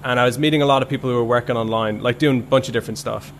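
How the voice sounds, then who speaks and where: A man, a podcast guest telling his story in a relaxed, rambling way with many fillers. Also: medium pitch, racing, slight background noise. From Ireland. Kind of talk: casual conversational storytelling.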